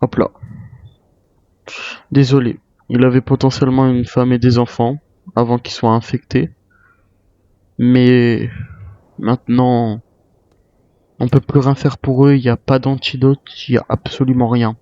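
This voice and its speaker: With frequent pauses and a measured pace, a man role-plays a tired former soldier in a survival game, hesitantly thinking aloud in an improvised monologue. His mid-range voice is warm with little pitch movement, and the microphone sounds dull and roomy.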